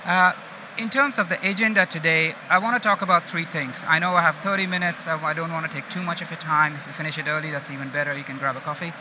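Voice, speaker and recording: This fast-talking data engineering manager from India has an Indian accent, a voice on the high side and fairly even intonation. He presents conversationally from an open stage at a bustling exhibition, regularly engaging listeners, while loud event-hall noise dominates the background.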